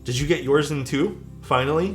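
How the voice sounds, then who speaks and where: A man's voice: a little high, moderate pace, music in the background. A man in his thirties chatting casually on a livestream, venting and rambling with many fillers and some swearing. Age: 30s. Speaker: keyboard-building streamer. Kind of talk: casual livestream chat reading viewer comments.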